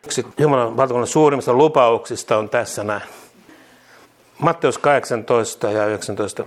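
A man preaching and leading prayer, repeating each phrase twice with bursts of laughter and exclamations. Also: medium pitch. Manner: fervent declarations, calmer teaching later. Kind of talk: charismatic sermon and prayer.

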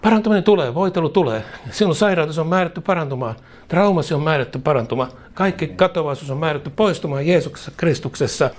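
A man preaching a charismatic sermon in emphatic, rhythmic repeated phrases, chuckling now and then. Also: on the high side.

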